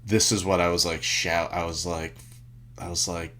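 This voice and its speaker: A man's voice: sits low, little pitch movement, normal speed, fairly bright tone. A man co-hosting an unscripted podcast, rambling and ranting with frequent fillers and the odd curse word. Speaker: podcast co-host. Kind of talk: unscripted casual chat.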